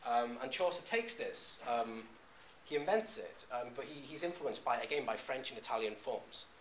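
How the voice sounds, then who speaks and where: A man giving a classroom lecture, talking in a halting way with frequent "um"s and restarts. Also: medium pitch, animated, a little hiss or hum. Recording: echoey room recording.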